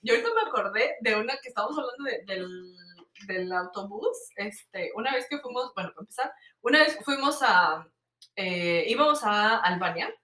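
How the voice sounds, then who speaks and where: A woman's voice: mid-range voice, normal speed, roomy sound, far from the mic. A woman telling travel anecdotes in a casual chat, full of fillers. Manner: animated anecdotes with many fillers. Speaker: storyteller in a chat.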